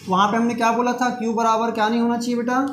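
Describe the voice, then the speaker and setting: A middle-aged man races through a math class in a very high-pitched, fairly bright voice, keeping his tone level. He asks students questions and then supplies the answers himself, call-and-response style. Echo and faint hiss mark the classroom recording.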